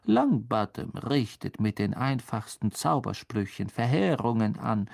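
A man's voice: mid-range voice, big pitch swings, measured pace, creaky, darkish tone, no room sound, clean studio sound, full character voice. A man doing a cold, sneering male teacher.

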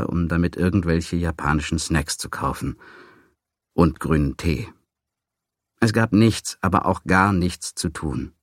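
Deep-voiced man narrating dryly. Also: no room sound, studio quality. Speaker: audiobook narrator. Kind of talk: scripted first-person narration.

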